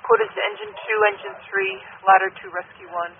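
A man's voice: high voice, big pitch swings, a little fast, gravelly. A man making fire dispatch announcements over a radio. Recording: tinny radio channel, faint noise.

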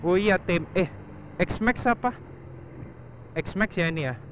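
A young motovlogger rides a motorcycle along an open road, chatting casually to the camera, laughing often and referring to himself in the third person. His voice is high, animated, slow and a bit bright, with faint wind and traffic noise in the background.

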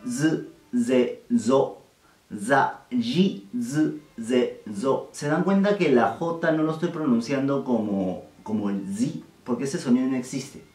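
A man teaches a casual video lesson, joking and slangy as he drills sounds slowly. His voice sits a little high and sounds set back from the mic in an echoey room. Faint music plays underneath. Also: darkish tone, far from the mic. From Peru. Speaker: language teacher.

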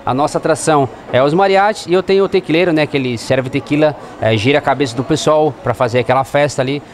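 Speaking quickly in a voice on the high side, a thirtysomething restaurant manager gives plain, explanatory interview answers in his dining room. The host holds the handheld mic, there's a little hiss or hum, and he uses "né" tags frequently.

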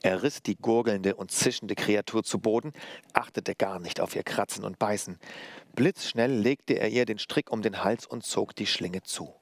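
A male author reading aloud from his novel in a measured, steady way, then explaining the story. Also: lowish voice, no room sound. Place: library reading.

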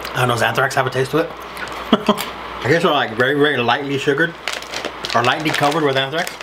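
A man's voice: medium pitch, a little fast, noisy background. A man reviewing snacks in a casual, blunt, sarcastic way while chewing. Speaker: snack tasting vlogger.

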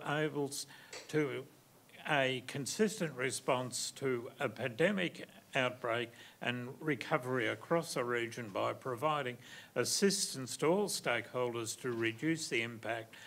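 A man's voice: medium pitch, a bit bright. An Australian man reads out a council motion in a stiff, formal way, stumbling now and then. A faint room hum runs under his voice. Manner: formal, stiff reading with slips. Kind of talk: reading a motion aloud.

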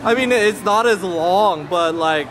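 Chatty excitable male travel vlogger. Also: sits high, unhurried, rough recording. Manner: chatty, excitable, lots of fillers and restarts. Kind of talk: casual walking vlog. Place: busy indoor food market in a mall. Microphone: handheld camera at arm's length.

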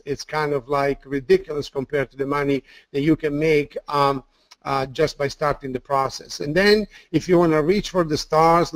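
A man's voice: fairly high pitch, no room sound. A man with an Italian accent giving an enthusiastic sales webinar presentation, often repeating words and using fillers.

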